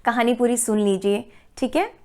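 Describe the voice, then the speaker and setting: Woman teacher with a high-pitched voice, patient classroom delivery, steps through the material and often asks if students follow. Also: a little mellow. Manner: explains step by step, checks understanding with "ठीक है?"; slows down to read example sentences aloud. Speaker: Hindi teacher. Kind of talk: classroom explanation.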